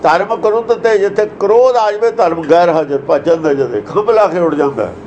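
A man's voice: sits high, expressive, a little fast, a little mellow, muffled recording, slight background noise. A man giving a religious discourse that explains verses, lecturing earnestly and asking many rhetorical questions. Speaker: preacher.

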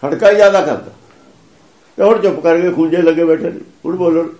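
A man preaches in a high voice, explaining scripture with emphasis. He chants and repeats the lines he quotes. The sound is roomy and echoing. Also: brisk, warm tone. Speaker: religious preacher.

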